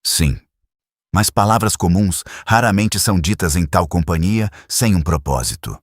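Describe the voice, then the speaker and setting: A man voicing a shrewd elderly male detective who speaks in a measured, gently probing way, in an audiobook reading. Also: low-pitched, lively intonation, no echo, studio quality. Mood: reasoning.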